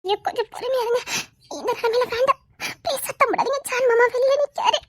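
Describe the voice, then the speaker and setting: Woman playing a very high, tearful pleading young wife. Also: normal speed, dry recording. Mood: pleading softly. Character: young wife pleading with her angry husband. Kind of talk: web drama acting.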